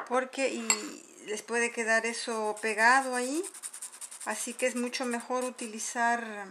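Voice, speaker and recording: Filmed from above at her home table, a middle-aged woman calmly mixes powders and explains each step in a casual makeup tutorial. Her pitch is fairly high. The recording is very noisy, full of clinking dishes, spoons and bowls.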